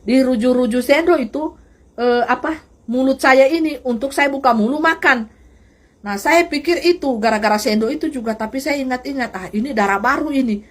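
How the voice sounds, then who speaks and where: A young woman gives a lively church testimony to a congregation. She laughs often and acts out the voices of the people in her story. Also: sits high, fairly quick. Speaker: testimony speaker.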